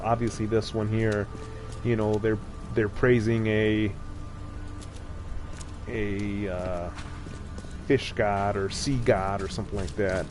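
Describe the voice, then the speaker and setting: Male game streamer: slow, rambling, informal commentary over background music. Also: fairly low pitch, a little mellow. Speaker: video game live streamer. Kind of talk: casual gameplay commentary.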